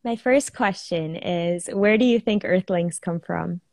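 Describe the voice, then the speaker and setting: A woman's voice: lowish voice, a little slow, no echo. Affirming woman hosting a live chat. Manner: warm-hearted, affirming, many "um"s. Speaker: host of a live video chat. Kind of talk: casual spiritual conversation.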